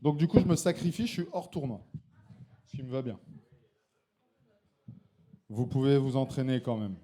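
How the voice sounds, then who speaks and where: Live at a slam venue before an audience, a tipsy slam poet and co-host performs his poem, dropping playful, laughing asides between verses. His medium-pitched voice is warm and expressive, moving at a normal speed.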